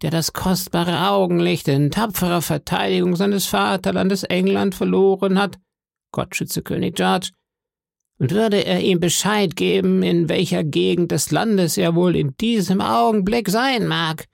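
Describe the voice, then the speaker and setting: A man voicing a menacing blind old sea beggar in an audiobook, speaking in a slow, eerie sing-song that sounds cruel and cold. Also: high-pitched, steady tone, gravelly, no echo, studio quality, voice pushed up, exaggerated voice. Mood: wheedling. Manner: slow, drawn-out wheedling delivery.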